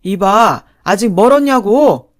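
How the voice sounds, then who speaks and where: A woman's voice: fairly low pitch, sing-song, measured pace. Woman doing a bellowing bossy father-in-law. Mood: shouting. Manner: barking orders, loud and bullying. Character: domineering older man, a quick-tempered hard-drinking father-in-law.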